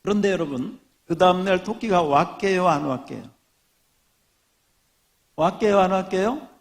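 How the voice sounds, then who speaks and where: A man's voice: high-pitched, moderate pace, vocal fry. A middle-aged male pastor preaching a sermon, joking with the congregation and telling funny stories. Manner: joking, animated storytelling.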